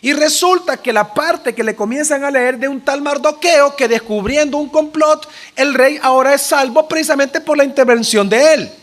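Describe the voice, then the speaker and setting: A male pastor preaching a sermon, retelling a story with lively acted-out dialogue and questions to the congregation. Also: very high voice, normal speed, few pauses. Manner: animated storytelling, acting out the characters' lines.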